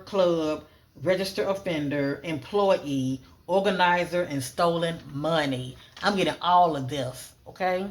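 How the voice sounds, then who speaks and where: Casual psychic reader listing fragment cues. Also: medium pitch. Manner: lists clipped fragment cues, often "I'm getting"; casual, repeats phrases, frequent "um" fillers. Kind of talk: solo psychic reading, spoken monologue.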